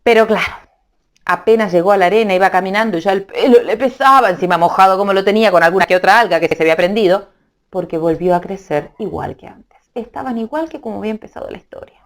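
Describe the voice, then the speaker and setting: A woman narrating a children's storybook in an animated, playful way, adding sound effects. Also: mid-range voice, fast talker.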